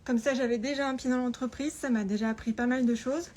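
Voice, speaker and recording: A woman presenting an informal tutorial through a face mask, speaking carefully and deliberately with frequent pauses and a slightly muffled sound. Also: a little high, steady tone, darkish tone. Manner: careful, deliberate, often pausing. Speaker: patternmaker presenting a lesson. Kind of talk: spoken tutorial with informal explanations. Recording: clear background room noise.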